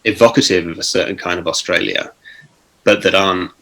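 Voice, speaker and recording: Low-voiced guy on a video call panel, thinks out loud, lots of ums and restarts. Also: sing-song, gravelly. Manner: thoughtful, halting, many pauses and restarts. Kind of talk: online panel discussion.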